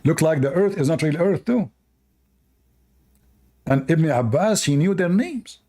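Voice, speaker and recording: A man's voice: a little high, lively intonation, a little slow, mellow. A man hosting a live debate show, mocking and combative toward callers, speaking English with non-native grammar. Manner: mocking, combative, laughs at opponents.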